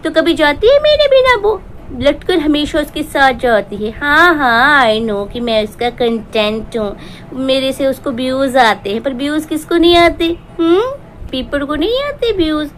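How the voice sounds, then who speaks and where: A woman's voice: high-pitched, expressive, measured pace, fairly bright tone, slight background noise. A woman playing a jealous, self-pitying female vlogger in a comic parody monologue, rambling and sarcastic with bouts of fake tears. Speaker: parody performer.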